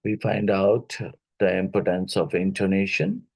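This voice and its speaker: Slow, low-voiced Indian English teacher. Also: male voice, flat delivery, gravelly, a little mellow. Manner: explanatory, checks in with tag questions. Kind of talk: exam-prep lecture walking through worksheets.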